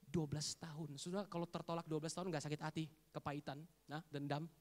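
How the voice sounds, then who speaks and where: A man's voice: a little high, level tone, fast. A man preaching a sermon, calling on the congregation to say amen and mixing casual slangy asides with scripture. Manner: fervent call-and-response preaching, repeatedly prompting the congregation to say amen. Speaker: pastor. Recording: long hall reverb.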